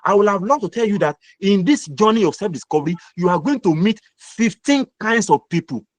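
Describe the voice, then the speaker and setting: A guest mentor, middle-aged and Nigerian-accented, delivers an emphatic, repetitive motivational talk with a preacher-like cadence. His high-pitched voice has lively intonation and a fairly quick pace, and there's no room sound.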